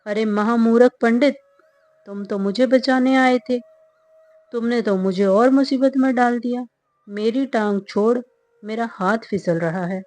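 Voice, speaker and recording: A woman voicing a stingy, haughty male merchant who talks loudly and indignantly in a told folk tale. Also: medium pitch, measured pace, dry recording, soft background music, natural voice. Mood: haughty, pleading. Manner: loud, indignant, pleading.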